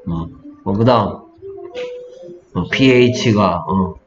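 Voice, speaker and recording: Speaking slowly in a lowish voice, a man quizzes his student on letter sounds during a one-on-one English phonics lesson. Music plays beneath the dull, lo-fi recording.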